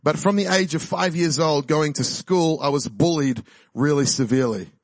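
A man with a voice on the high side speaks at a normal speed on a dry recording. In his forties and from New Zealand, he's a guest preacher giving an exuberant, chatty sermon and testimony in church, laughing often and rallying those gathered.

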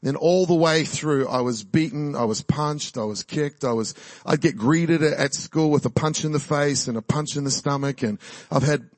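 Talking at a moderate pace in a slightly high voice, this man is captured on a dry recording. He's a New Zealand guest preacher in his forties, and his church sermon and testimony are chatty and exuberant, with plenty of laughter and calls to rally the crowd.

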